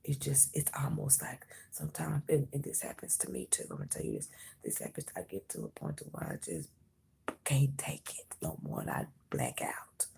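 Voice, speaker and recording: A tarot reader whispers an intimate reading to the viewer, emphatic and reassuring, repeating phrases and calling the listener honey and mama. Her voice is medium-pitched with huge pitch swings, a moderate pace, vocal fry, and a darkish tone.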